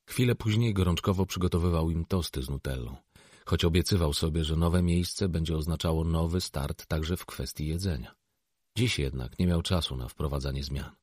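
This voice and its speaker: A man reads a novel aloud in a measured, steady narration. His voice sits very low and has a husky grain, and it is recorded close and dry with no room sound. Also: dry recording. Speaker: audiobook narrator. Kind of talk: scripted narration.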